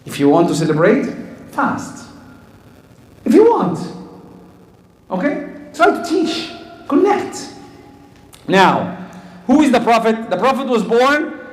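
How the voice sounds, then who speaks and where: A man's voice: very high voice, big pitch swings, slow pace, pauses often, echoey room, rough recording. A man from Egypt preaching a sermon, asking the crowd questions, repeating words as he goes.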